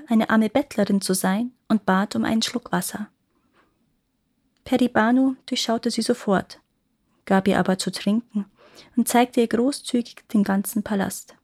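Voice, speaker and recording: A woman who hosts a storytelling podcast, reading a fairy tale in calm, measured narration. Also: mid-range voice.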